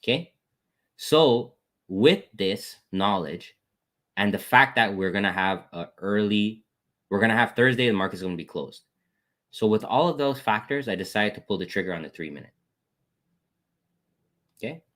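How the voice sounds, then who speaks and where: A man's voice: animated, a little fast, long pauses, bright, forceful tone. A man casually walking viewers through his trades on a screen share, talking to them as "guys" and calling out wins. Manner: casual, repeats "guys" and "boom", thanks chat members. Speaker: trading educator.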